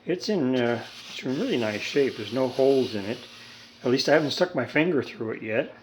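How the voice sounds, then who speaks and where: This homemade video, roughly recorded with steady background noise, features a hobbyist radio restorer in his seventies. Speaking fairly quickly at medium pitch, he rambles through a hands-on repair demo in a casual, folksy way with dry humor.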